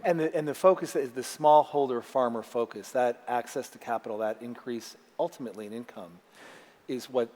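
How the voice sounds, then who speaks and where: A man's voice: medium pitch, brisk, a little mellow. A man with a mid-range voice moderates a panel. He frames his questions loosely, doubling back on phrases in a conversational way. The hall adds a long echo. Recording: echoey conference hall.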